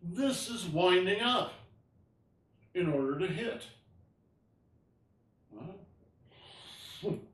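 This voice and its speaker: A man teaching an online tai chi class, explaining gently and often checking in with "all right?". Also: high voice, lively intonation, drawn-out words, long pauses. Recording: roomy echo.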